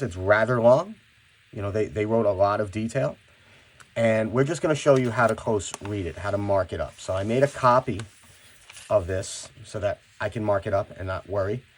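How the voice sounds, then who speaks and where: A male teacher talking students through finishing and checking a class project, in a conversational way that often repeats words as he starts a sentence. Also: lowish voice. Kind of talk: classroom instruction video.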